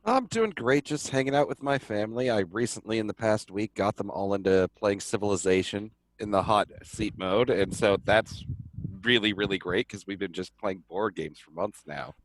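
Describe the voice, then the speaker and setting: Man, guest, relaxed, chuckles often, dry close sound, video call. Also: on the low side, moderate pace, no room sound, rough recording. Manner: relaxed, laughs while talking. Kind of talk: casual video-call chat.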